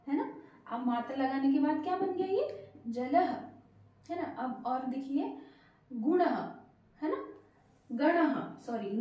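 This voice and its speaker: Woman teacher, high mellow voice, patient, quizzing kids, very echoey room. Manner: patient, asks questions back to learners. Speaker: Hindi teacher. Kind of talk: children's language lesson.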